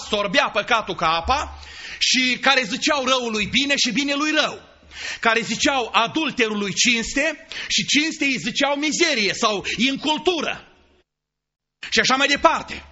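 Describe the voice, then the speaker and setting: Male preacher, high sharp tone, theatrical sermon, dull lo-fi recording. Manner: dramatic, acts out dialogue with shifting voices. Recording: dull lo-fi sound.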